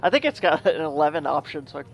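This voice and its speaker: A man co-casting a live video game match, enthusiastic and quick to laugh. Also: on the high side, animated, creaky, faint music behind. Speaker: esports co-caster.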